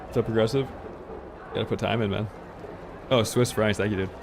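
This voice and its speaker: Male game streamer, relaxed chatty delivery, gravelly fry, audible background noise. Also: lowish voice, brisk. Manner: laid-back, chatty, says "man" a lot. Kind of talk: casual live gameplay commentary.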